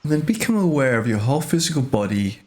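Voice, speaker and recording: A male teacher leads a guided meditation, speaking gently and without hurry in short, paused phrases. His medium-pitched voice is very animated.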